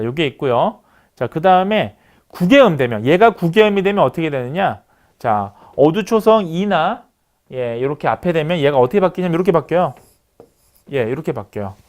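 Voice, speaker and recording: Male lecturer, middle-aged, fairly high and animated; steady classroom explaining with frequent "so, yes" fillers. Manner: explains step by step, many "자" and "네" fillers; writes on screen while talking. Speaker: university lecturer. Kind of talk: recorded online lecture.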